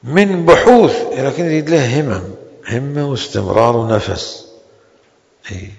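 A man gives a seminary law lecture in a gravelly, creaky voice. He draws out the important terms slowly, then hurries through side remarks. A long hall reverb trails each phrase. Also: medium pitch, animated, a little mellow, dull audio. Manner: slow, drawn-out stresses on key terms with sudden quick asides. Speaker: religious law teacher.

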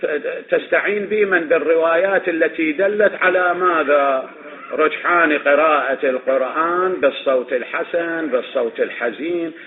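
A man's voice: on the high side, normal speed. A man with an Iraqi Arabic accent teaching a classroom lecture on religious legal reasoning, posing questions and answering them himself, repeating his points. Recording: tinny phone-like recording with faint noise.

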